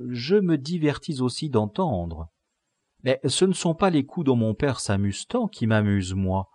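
A man playing a shy naive young girl, earnest, slow lively storybook reading, dry sound. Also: medium pitch, dry recording, voice pushed up.

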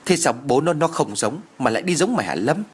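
A man's voice: medium pitch, very animated, brisk, husky. A man voicing a distraught older village mother who wails and scolds. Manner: wailing and scolding.

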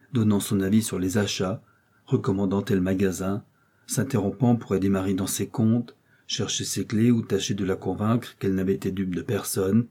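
A man narrates a classic novel as an audiobook in a steady, even way. His voice sits low and sounds mellow and dark. A husky grain runs through it. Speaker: audiobook reader.

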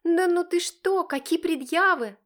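A woman's voice: very high-pitched, unhurried, fairly bright tone, pitched above the performer's own voice. A woman reading an audiobook, voicing a brazen, venomous teenage girl with sarcastic defiance. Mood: mocking. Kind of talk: audiobook character voice.

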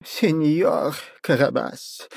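A man's voice: a little high, drawn-out words, vocal fry, darkish tone, husky, dry recording, clean studio sound, pitched above the performer's own voice, heavily acted. A man voicing a timid, fawning leech-seller assistant in an audiobook, with a meek, hesitant manner. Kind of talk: audiobook character voice.

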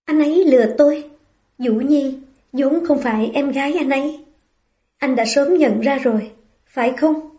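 A woman's voice: high voice, moderate pace, long pauses, mellow, natural voice. A woman reading the lines of a hurt, self-mocking young woman in a storybook, sounding bitter and wounded.

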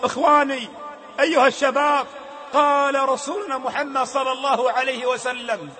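Give me a fervent male preacher with a very high voice, telling a story in a sermon. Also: fairly even intonation, fairly quick. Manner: fervent, swings between hushed and shouting. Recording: long hall reverb.

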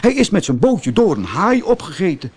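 A man doing a kind, gentle storybook dolphin. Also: sits high, wildly swooping pitch, moderate pace, breathy edge, pitched above the performer's own voice, heavily acted. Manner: kind, sympathetic. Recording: music playing behind.

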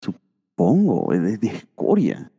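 A man talks through old comic issues on a casual podcast, circling back with fillers as he thinks. His voice sits very low. A long reverb trails behind every line. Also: wildly swooping pitch, takes it slowly, gravelly, mellow, breathy edge. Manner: rambling, many fillers like "este" and "eh". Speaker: podcast co-host.

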